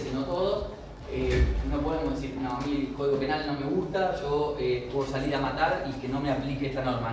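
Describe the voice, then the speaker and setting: Argentine man, law lecturer, explanatory tone, distant mic, very echoey room, noisy background. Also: mid-range voice. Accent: Argentine Spanish. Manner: explanatory, with frequent checks of "¿sí?". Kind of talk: university lecture. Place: classroom.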